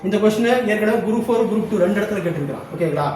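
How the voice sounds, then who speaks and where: A man's voice: sits high, lively intonation, rapid-fire, a little mellow, slight background noise. A man teaching an exam-coaching class, drilling letters one by one and checking in after nearly every phrase, in speech. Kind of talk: classroom exam-answer lesson. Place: classroom hall. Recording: very echoey room, voice far from mic.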